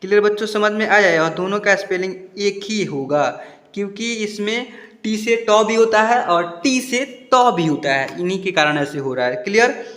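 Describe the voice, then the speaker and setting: Male teacher, patient and repetitive, higher-pitched voice, roomy reverberant sound. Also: animated, fairly bright tone. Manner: patient, repeats words slowly and checks understanding. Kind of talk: blackboard spelling lesson.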